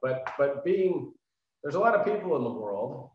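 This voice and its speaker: A man's voice: a little high, big pitch swings, moderate pace. A man chatting casually as a podcast guest, with a wry, teasing, dry sense of humor. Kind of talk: casual chat. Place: indoors, in-person podcast recording. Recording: echoey room, slightly dull sound.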